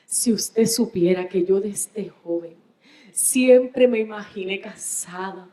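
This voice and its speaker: A Puerto Rican woman preacher voicing a tearful, disappointed husband, speaking softly and pleadingly. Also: medium pitch, slow pace, natural voice. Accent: Puerto Rican Spanish.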